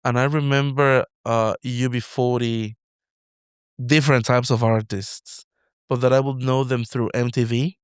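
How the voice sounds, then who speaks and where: A Mexican-accented man hosts an interview podcast, leading into his questions with long personal stories. His voice is smooth and resonant. The sound is close and dry. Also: medium pitch, flat delivery, a little slow, no room sound. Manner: expansive, storytelling questions. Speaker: podcast host. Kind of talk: casual interview.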